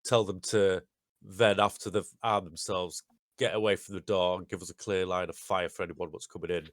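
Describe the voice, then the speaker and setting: A man's voice: sits low, steady tone, moderate pace, no echo, studio quality. A man playing a tabletop game, casually talking through his character's actions and orders. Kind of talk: casual in-game chat with some play-acting.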